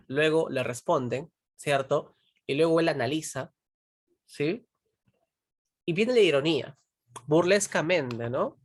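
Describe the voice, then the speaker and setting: A woman's voice: low-pitched, dry recording, clean studio sound. A woman teaching a philosophy class, constantly checking in with her students, asking them questions and pushing them to answer. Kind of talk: online pre-university class.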